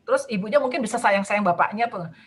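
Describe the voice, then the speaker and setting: A woman's voice: mid-range voice, quick pace. A woman guest talking casually in a conversation, full of fillers and acting out bits of dialogue. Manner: chatty with many fillers, acts out quoted dialogue. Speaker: guest speaker.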